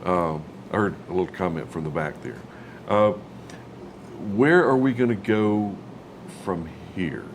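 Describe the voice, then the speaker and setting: Low-voiced man hosting a casual interview. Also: lively intonation, a little slow, slight background noise. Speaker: interviewer, host.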